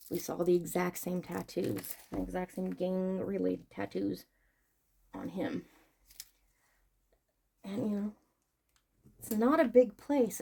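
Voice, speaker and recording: Female vlogger, mid-pitched with noticeable fry and a soft-edged tone; loose, digressive talk while working. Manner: informal, digressive, thinking aloud. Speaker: online vlogger and small seller packing orders. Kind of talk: casual rambling chat while working.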